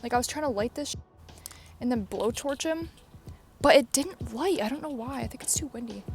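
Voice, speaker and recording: Brash, swearing young woman, a bit high. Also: fairly quick, faint music behind. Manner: blunt, swears a lot, excitable. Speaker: vlogger. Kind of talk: casual chat to camera. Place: sunny, windy backyard outdoors. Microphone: phone held by hand.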